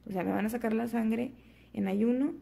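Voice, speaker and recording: A woman's voice: on the high side, normal speed, gravelly, dark tone, husky. A young woman vlogging casually at home, rambling and chatty with lots of fillers, just out of bed. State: just woke up, fasting. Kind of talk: casual chat to camera.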